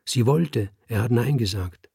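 A man's voice: medium pitch, measured pace, mellow, no room sound, clean studio sound, full character voice. Man voicing a weary sighing young student. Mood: glum. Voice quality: husky.

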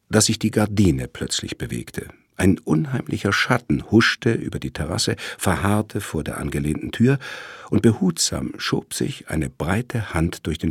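A male narrator reading a crime story with dramatic, measured delivery. His voice is very low and husky. The recording is dry and close, with no room sound. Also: a little mellow, no room sound.

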